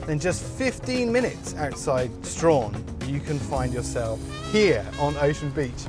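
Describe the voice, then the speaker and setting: Australian man, slightly high voice, travel presenter, wry and understated, narration mixed with casual chat, music behind. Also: animated, measured pace.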